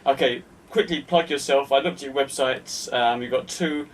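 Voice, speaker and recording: A man hosts a relaxed podcast chat, self-deprecating and easygoing. He sits a bit back from the microphone, with faint noise under his voice. He slows down carefully when reading out links. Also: mid-range voice, recorded from a distance, poor audio. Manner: chatty, self-deprecating, spells things out slowly. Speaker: podcast host. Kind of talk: casual podcast interview.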